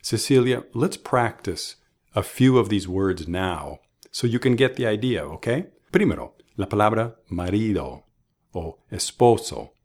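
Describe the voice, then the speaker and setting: A man teaching English pronunciation in a bilingual lesson, modeling each word slowly and contrasting wrong and right versions. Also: on the low side, expressive, a little mellow. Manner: slow, deliberate, models words by contrast. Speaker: language teacher.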